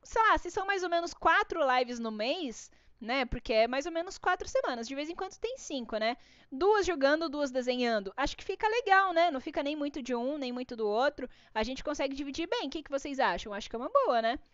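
A woman's voice: high voice, lively intonation, a little fast, fairly bright tone, no room sound. A Brazilian woman with a Brazilian Portuguese accent hosting a craft live stream, chatty and bubbly, greeting viewers by name. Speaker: art class host. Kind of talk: casual live-stream chat. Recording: dull dry lo-fi stream audio.

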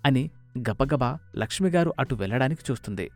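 A man narrating a scripted story, expressive and animated. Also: mid-range voice, fairly quick, soft background music.

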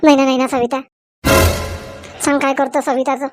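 A woman's voice: high-pitched, flat delivery, moderate pace, darkish tone, soft background music, close to an everyday voice. A woman voicing a stern young husband in a comedy sketch, firm and scolding, in a Varhadi Marathi accent. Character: young husband, stern, trying to keep the peace.

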